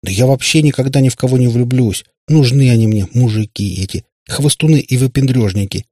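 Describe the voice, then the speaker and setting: A man with a husky voice reading an audiobook and voicing a sharp-tongued, boastful young witch girl. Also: lowish voice, animated. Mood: scoffing. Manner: teasing, boastful, quick to scoff.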